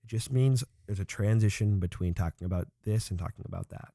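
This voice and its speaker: A man's voice: on the low side, fairly quick, dark tone, dry recording, studio quality. A man as a podcast guest, earnestly giving advice in casual conversation and restarting his phrases as he thinks.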